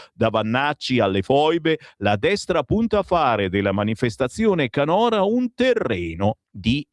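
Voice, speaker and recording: A man hosting a radio press review, reading newspaper headlines with sardonic asides. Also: dry recording. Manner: lively, sardonic, swings pitch and pace for emphasis. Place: radio studio.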